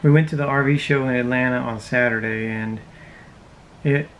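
A man's voice: mid-range voice, steady tone, moderate pace, muffled recording, music in the background. A man in his thirties chatting casually in an easygoing, rambling way, seated inside a parked RV and speaking to a camera close in front. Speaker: vlogger. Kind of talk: casual chat.

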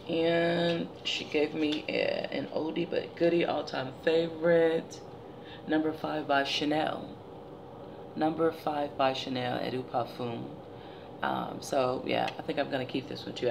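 Indoors by the window blinds in her living room, a woman in her forties vlogs about beauty, chatting casually over a product haul with animated stories. Her voice is deep, gravelly and tired-sounding, and there's background noise.

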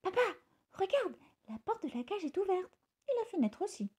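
Casting note: bold little boy bird, high and squeaky, lively swoops, a woman putting it on. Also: moderate pace. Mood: eager. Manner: high, eager, excited. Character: young male bird, bold and cheeky.

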